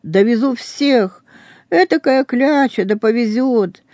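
A reader voicing a drunken, brutal young cart driver who shouts coarsely, in a storybook reading. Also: medium pitch, takes it slowly, dry recording, pitched above the performer's own voice, lightly acted.

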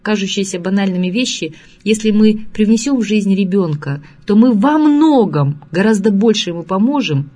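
A woman's voice: medium pitch, lively intonation, normal speed, mellow, husky. A woman speaking to radio listeners as an expert, earnest and lecturing, asking many rhetorical questions. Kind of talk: radio talk on child psychology.

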